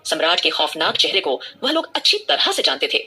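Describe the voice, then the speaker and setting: Woman narrator, audio drama, bright tone, husky, animated. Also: low voice, fairly quick, faint music behind. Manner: dramatic storytelling.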